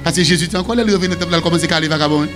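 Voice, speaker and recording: A man with a Haitian accent preaching a sermon as pastor, shouting and singing some phrases. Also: on the high side, racing, over music. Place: church.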